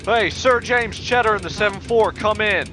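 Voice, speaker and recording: A man's voice: sits high, normal speed. A man in a multiplayer flight game, playing at pilot radio talk with fake cockpit lingo. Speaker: multiplayer flight sim player. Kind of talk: mock pilot radio chatter. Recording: noisy voice chat over game sounds.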